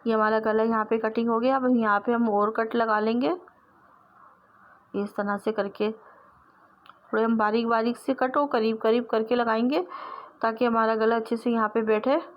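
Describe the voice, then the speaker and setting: A woman's voice: a little high, fairly even intonation, normal speed, pauses often, dull audio. A woman teaching sewing step by step, explaining patiently and repeating herself as she works with her hands.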